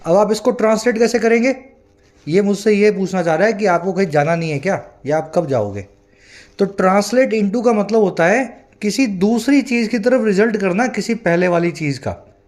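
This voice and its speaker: High-pitched male English tutor explaining words. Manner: explains slowly, reads English example sentences in a drawn-out way; asks the viewer often whether they follow. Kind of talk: vocabulary lesson in Hindi mixed with English.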